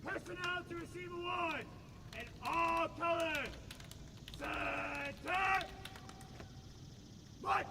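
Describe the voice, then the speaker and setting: Guy barking parade drill orders, super high and slow, kinda gravelly, noisy distant recording. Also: steady tone. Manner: barked, drawn-out clipped commands. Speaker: military drill commander. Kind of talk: military parade drill commands.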